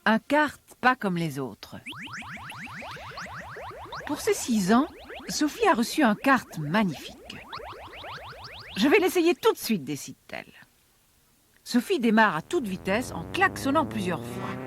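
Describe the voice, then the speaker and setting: A woman reading a children's story aloud, lively and voicing the characters with big jumps in pitch. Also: a little slow, long pauses. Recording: story read over loud background music.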